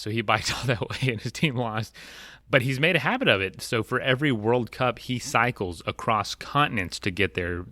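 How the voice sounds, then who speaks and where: A man's voice: on the low side, bright, forceful tone, dry recording. A man hosting a podcast, introducing and interviewing a guest in a casual, upbeat way. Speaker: podcast host.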